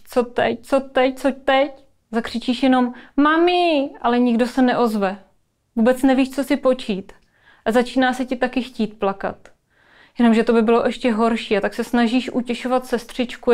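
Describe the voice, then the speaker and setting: A woman calmly leading a guided imagery exercise in a webinar, speaking softly and narrating a scene. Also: a little high. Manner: soft, calm, storytelling.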